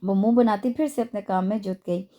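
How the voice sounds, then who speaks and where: A woman narrating a novel aloud at a steady storytelling pace, with small stumbles. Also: mid-range voice, a little fast. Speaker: audiobook narrator.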